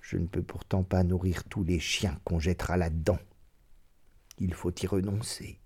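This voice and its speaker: A man voicing a stingy elderly widow, shrill when outraged and sour when she gives up. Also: steady tone, normal speed, darkish tone, breathy edge.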